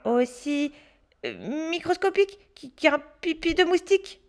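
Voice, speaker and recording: A woman's voice: very high-pitched, animated, a little slow. A woman voicing a cheeky, frightened little boy in a storybook. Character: small scared boy, whiny and cheeky.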